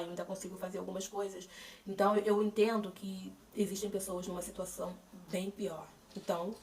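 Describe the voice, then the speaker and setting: Brazilian-accented young woman vlogger, candid chat, mid pitch, slightly distant recording. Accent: Brazilian Portuguese. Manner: chatty, candid, many fillers and restarts. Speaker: vlogger sharing her cancer treatment. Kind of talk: emotional personal vlog. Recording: voice a bit distant from the mic, faint noise.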